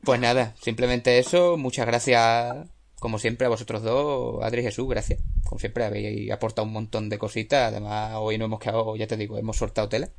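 A man's voice: medium pitch, gravelly. A man with a Spanish accent from Spain, hosting a casual podcast chat with friends in a laid-back, joking way and closing with show plugs. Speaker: podcast host.

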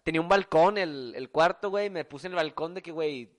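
A man's voice: fairly high pitch, fairly quick. A young man with a Mexican accent telling a story in casual chat, slangy and profane, with a filler word in nearly every phrase. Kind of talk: casual storytelling among friends.

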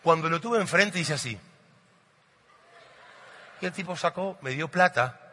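A middle-aged man from Argentina with an Argentine Spanish accent, a motivational speaker and coach telling animated stories to an audience and often asking "¿sí?". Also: fairly high pitch, unhurried, slightly rough. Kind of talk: storytelling talk to a live audience. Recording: long hall reverb.

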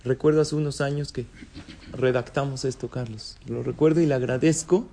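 A man's voice: mid-range voice, steady tone, normal speed, gravelly, crowd noise. A man leading a religious class, who poses questions to his listeners, answers them himself and slips in light jokes. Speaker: rabbi teaching a class. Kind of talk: Torah lesson in Spanish with Hebrew terms.

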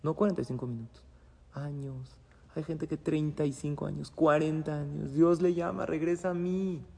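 Gravelly rabbi teaching in a hall. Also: male voice, fairly high pitch, fairly even intonation, normal speed, warm tone. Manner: dramatic storyteller, mixes in Hebrew terms. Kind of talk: religious class with storytelling. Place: synagogue hall. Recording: long hall reverb.

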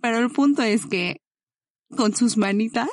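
A woman's voice: fairly high pitch, a little slow, no echo, clean studio sound. A young woman, co-hosting a podcast and telling a rambling, giggly story in casual chat. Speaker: podcast co-host.

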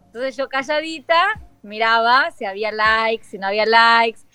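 A woman's voice: fairly high pitch, moderate pace, clear, resonant tone, no room sound. Chatty young woman with a Tucumán accent. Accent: Tucumán Argentine Spanish. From Tucumán, Argentina. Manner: chatty storyteller, lively and informal. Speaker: guest. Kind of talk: casual chat.

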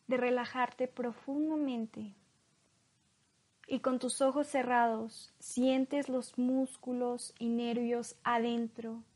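A woman leading a guided hypnosis in a slow, soothing hypnotist voice, leaving long pauses between phrases. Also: fairly high pitch, darkish tone.

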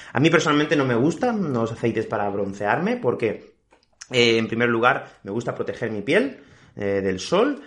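Spanish-accented male teacher for a learner podcast: animated intonation, patient, repeats words, keeps asking "ok?". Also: mid-range voice. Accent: Spanish, Spain. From Spain. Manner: repeats key words slowly and checks with "¿ok?".

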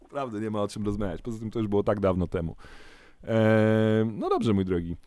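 A man co-hosting a podcast, chatting casually in an animated, rambling way and often correcting himself mid-sentence. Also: fairly low pitch, fairly quick, dry recording. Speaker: podcast co-host. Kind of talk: casual chat.

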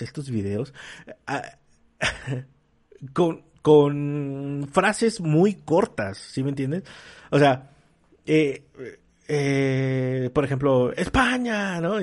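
A man's voice: mid-range voice, a little mellow. A man with a Mexican accent gives his opinion in a casual rant, full of slang, swearing and fillers. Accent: Mexican Spanish. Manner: slangy and profane, many fillers. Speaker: commentator.

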